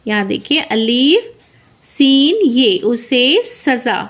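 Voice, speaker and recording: An Urdu writing teacher gives a slow dictation lesson in handwriting, reading a story word by word, naming each letter as she writes, then repeating the word. Her voice is fairly high, expressive, and fairly bright, and she speaks extremely slowly.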